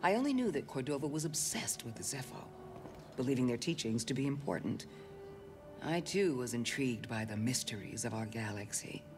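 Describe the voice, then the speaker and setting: A man playing a calm male ship crew member in a video game, speaking steadily and giving advice. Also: mid-range voice, brisk, lightly acted. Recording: game audio under music.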